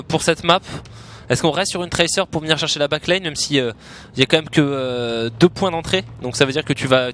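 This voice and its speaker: A man commentating a video game match live, calling fights like an excited announcer and repeating player names. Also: on the high side, slight background noise. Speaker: esports commentator.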